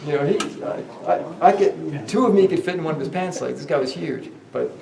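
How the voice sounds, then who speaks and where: A man's voice: fairly high pitch, lively intonation, normal speed, vocal fry, dark tone, far from the mic, a little hiss or hum. A man guiding a ghost tour through a hotel, telling stories in a rambling way with many fillers and restarts. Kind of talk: guided tour storytelling. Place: hotel hallway. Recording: echoey hallway, voice off-mic.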